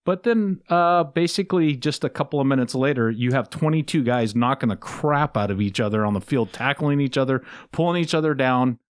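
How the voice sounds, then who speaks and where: A man's voice: medium pitch, clean tone. Sports talk guy, mid voice, sarcastic, asks a lot of questions. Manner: sarcastic, questioning, drawn-out delivery. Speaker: sports podcast co-host.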